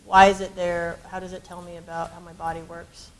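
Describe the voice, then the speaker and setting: On a rough recording, a researcher on a university panel speaks fairly quickly in a flat voice on the low side. Her explanations in the academic panel discussion are thoughtful and searching, full of ums, fillers, and restarts.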